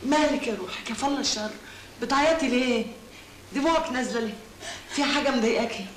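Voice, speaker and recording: An actress with an Egyptian accent playing an older imprisoned mother, soft, affectionate and resigned. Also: on the high side, fast, echoey room, noisy background, natural voice. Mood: tender. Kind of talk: film drama acting.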